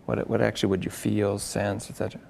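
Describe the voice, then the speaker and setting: A man working as a therapist in a live demonstration before a group, coaching a client with quick probing questions and repeated words. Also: lowish voice, flat delivery, gravelly, a little mellow. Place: room with an onlooking group.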